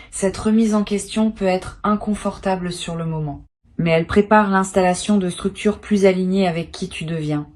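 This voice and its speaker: A woman giving a spiritual tarot reading, speaking to the listener in a calm, measured and reassuring way. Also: mid-range voice. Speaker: tarot reader.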